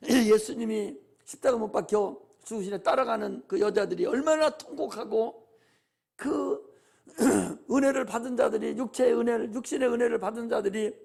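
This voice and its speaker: Man playing a pastor with a very high, gravelly voice, impassioned sermon, swings from loud exhortation to hushed asides. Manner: repetitive preaching cadence.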